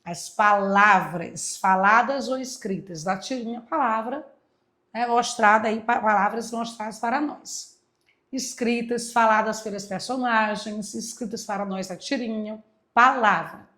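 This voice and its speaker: A woman teacher walking through exam answers, emphatic, stretching key words out slowly and answering her own questions. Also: on the high side, sharp tone. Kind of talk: exam walkthrough lesson.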